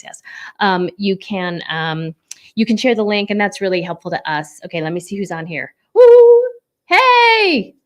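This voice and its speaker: A woman hosting her own casual livestream from home, chatty and bubbly, with excited whoops between announcements. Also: fairly low pitch. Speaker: livestream show host and singer-songwriter.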